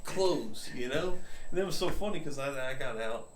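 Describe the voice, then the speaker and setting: A man's voice: medium pitch, expressive, normal speed. Chatty man in an echoey room. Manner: rambling storyteller, acts out quoted voices. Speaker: podcast co-host. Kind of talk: casual chat. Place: home room. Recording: roomy echo, faint room noise.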